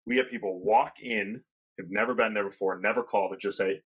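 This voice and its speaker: A man hosting a fitness podcast, speaking fast and emphatically, like a coach giving advice. His voice sits a bit low and sounds husky. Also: fairly even intonation, fairly bright tone. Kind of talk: casual podcast conversation.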